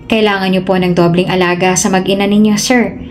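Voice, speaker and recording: A woman's voice: medium pitch, flat delivery, fairly quick, darkish tone, faint music behind, close to an everyday voice. A woman voicing a polite, smiling doctor reassuring a pregnant patient in a storybook tale.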